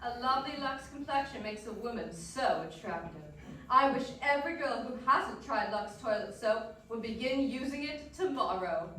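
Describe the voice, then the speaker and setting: A woman's voice: a little high, lively intonation, normal speed, bright, forceful tone. A woman playing a chatty, fashion-loving 1940s Hollywood radio reporter, delivering scripted sales patter on a live stage. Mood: chatty, enthusiastic. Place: live stage performance in a dance hall. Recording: very echoey hall, distant, faint noise.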